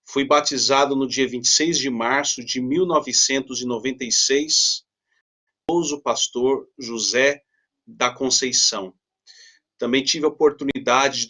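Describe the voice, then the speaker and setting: Brazilian pastor in his 30s, friendly, talks fast, some little ums. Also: medium pitch, fairly bright tone. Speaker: pastor and guest. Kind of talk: interview answers.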